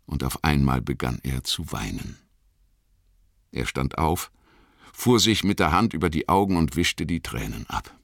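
A man reading a fantasy story aloud as audiobook narrator, in a measured storytelling manner. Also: a bass voice, lively intonation, vocal fry, a bit bright, no echo, studio quality.

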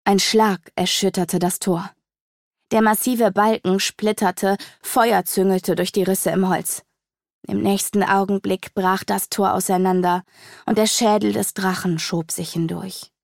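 A woman reads a dark fantasy audiobook in a measured, storytelling manner, easing off the pace when the tension builds. Her mid-range voice carries a gravelly fry. The recording is dry and close, with no room sound. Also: medium pitch, steady tone, dry recording. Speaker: audiobook narrator. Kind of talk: dramatic fantasy audiobook reading.

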